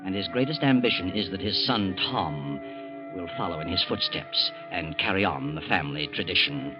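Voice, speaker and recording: A man playing an ominous, all-knowing night storyteller in 1940s American radio mystery narration, theatrical and measured. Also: sits low, animated. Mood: dry storytelling. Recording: dull old radio, music behind.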